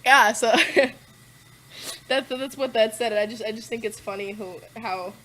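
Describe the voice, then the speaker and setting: Appearing as a podcast guest, a woman chats casually and tells stories in a laid-back, profane way, with lots of fillers and laughs. Her voice is fairly high and fairly bright, and she takes her time.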